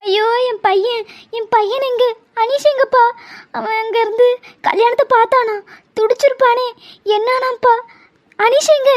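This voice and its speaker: A woman's voice: very high voice, fairly even intonation, normal speed, long pauses. A woman voicing a worried mother in a cartoon, asking fretful, pleading questions about her son.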